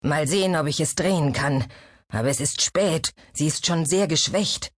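A woman's voice: sits low, moderate pace, no room sound. A woman voicing a stern, dignified older midwife in an audiobook. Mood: urgent. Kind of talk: audiobook character voice.

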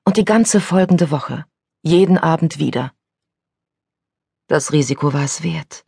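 A woman reads an audiobook in a slow, measured narration. Her voice is husky with a gravelly edge. The recording is close and dry. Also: low-pitched, a little mellow, no room sound. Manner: measured, unhurried reading. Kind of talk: scripted narration.

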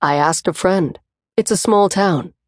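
A woman narrator voicing a gruff, possessive young man who growls his lines low and menacing, in an audiobook. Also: measured pace, dry recording, clean studio sound, close to an everyday voice.

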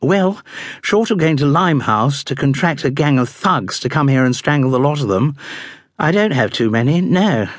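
A man voicing a clever, brisk young aristocratic woman with quick upper-class slang. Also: a little high, lively intonation, no echo, studio quality, voice pushed up.

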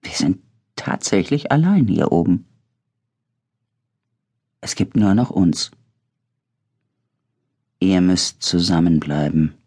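A woman narrator voicing a determined teenage girl who shouts to her friends through heavy rain. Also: rumbling low, sing-song, takes it slowly, pauses often, breathy edge, voice pushed down, exaggerated voice. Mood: tense, inward.

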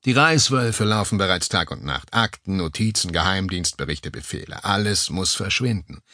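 A male narrator voicing a calm, firm male caller who speaks in a deep, measured tone in an audiobook thriller. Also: no echo, studio quality. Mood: commanding.

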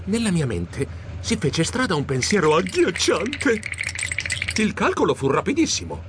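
A man narrating a children's storybook in a lively, comically flustered way. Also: sits high, a little slow, background noise. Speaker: audiobook narrator.

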